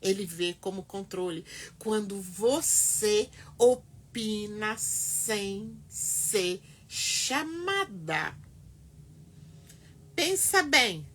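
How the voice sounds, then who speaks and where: A middle-aged woman giving earnest, emphatic advice to mothers, with dramatic pauses. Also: mid-range voice, lively intonation, fairly bright tone. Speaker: family counselor speaking to mothers. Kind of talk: heartfelt advice talk to camera.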